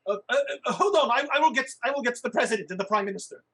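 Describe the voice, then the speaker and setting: Jittery little gnome sentry with a high voice, put on by a man. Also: animated, rapid-fire, fairly bright tone. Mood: flustered. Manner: stammering, nervous.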